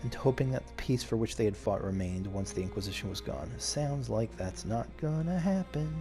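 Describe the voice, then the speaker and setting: A gamer with a warm, lowish, expressive voice talks through a video game at a moderate pace. He mixes casual commentary and thinking aloud with dramatic readings of the story text, while game music plays behind him.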